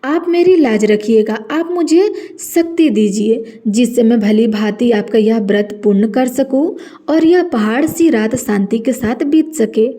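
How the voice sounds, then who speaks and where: A woman's voice: fairly high pitch, unhurried, warm tone, close to an everyday voice. A woman voicing a thirsty old grandmother, pleading. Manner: pleading prayer.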